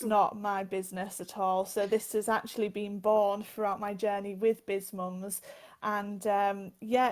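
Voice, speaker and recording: A woman, answering interview questions earnestly and laughing now and then. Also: a little high. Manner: earnest, laughs between phrases. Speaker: guest, author and advocate.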